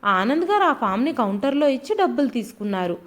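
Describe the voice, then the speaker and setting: A woman narrates an audio storybook with lots of expression. Her voice is high and moves around a lot in pitch. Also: fast. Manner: expressive, lively.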